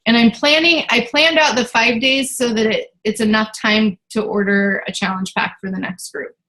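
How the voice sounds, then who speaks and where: A woman's voice: fairly high pitch, steady tone, normal speed, pushed and bright, poor audio. A woman running a casual team meeting as coach, chatty and loose, with lots of fillers and restarts.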